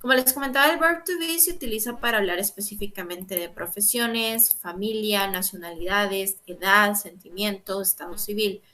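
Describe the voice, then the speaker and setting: A Guatemalan woman teaches English grammar online in a bright, forceful, mid-range voice at normal speed, hardly pausing at all. She explains patiently and repeatedly checks in with "¿verdad?".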